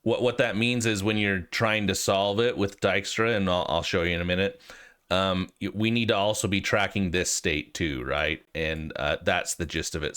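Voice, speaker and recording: Here a man from the United States, sick with a cold, hosts a programming walkthrough video in a deep, somewhat bright voice. His explanations are relaxed and informal, broken by hesitations as he reasons aloud.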